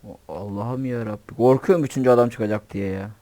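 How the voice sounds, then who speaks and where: A man giving excitable, joking commentary on his own gameplay, swearing playfully and talking to himself. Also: medium pitch, quick pace. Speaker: gamer.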